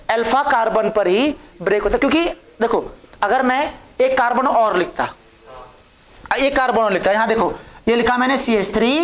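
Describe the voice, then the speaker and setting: High-voiced woman teaching chemistry. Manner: coaxing, asks students questions and answers them herself. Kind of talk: classroom lecture. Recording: echoey room.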